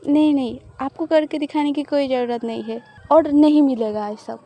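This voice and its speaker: A bashful young woman who pleads and backs away when teased, as a woman reads her lines. Her voice sits high and mellow, with a soft, unforced delivery for an audio love story. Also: fairly even intonation, normal speed. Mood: shy.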